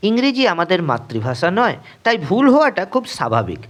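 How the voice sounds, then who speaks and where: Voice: mid-range voice, wildly swooping pitch, a little fast. A narrator giving a scripted pronunciation lesson, setting a wrong version against the right one for each word and speaking straight to the viewer. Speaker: English pronunciation teacher.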